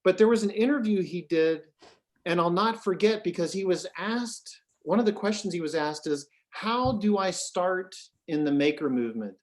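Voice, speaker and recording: A man's voice: high-pitched, lively intonation, moderate pace. A man co-hosting a casual chat over a video call, rambling and hesitant with many fillers. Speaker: co-host.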